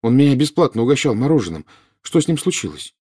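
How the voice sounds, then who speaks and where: A man's voice: mid-range voice, big pitch swings, fast talker, dark tone, slightly rough, pitched above the performer's own voice. A man voicing an uneasy teenage wizard boy.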